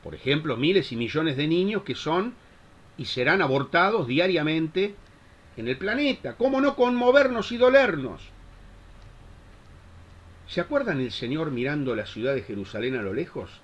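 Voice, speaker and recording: A man's voice: fairly high pitch, animated, moderate pace, a bit bright. A man teaching a Bible institute class in a preaching style, impassioned and full of rhetorical questions. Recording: dull lo-fi recording.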